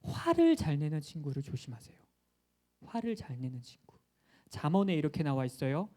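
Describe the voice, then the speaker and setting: A man's voice: on the high side, wildly swooping pitch, moderate pace, a little mellow. A young male pastor giving a playful children's sermon, asking questions and acting out quotes.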